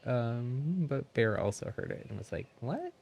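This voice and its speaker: A man's voice: medium pitch, animated, normal speed, gravelly, darkish tone, slight background noise. A man wearing a retainer, giving casual, rambling game commentary as a streamer and thinking aloud.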